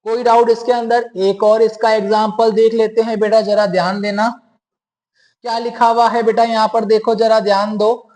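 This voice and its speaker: This classroom lesson features a man whose high voice stays level, slightly mellow, and at normal speed. Patient in his explanation of rules, he keeps addressing students as "beta," putting questions to them and checking they understand.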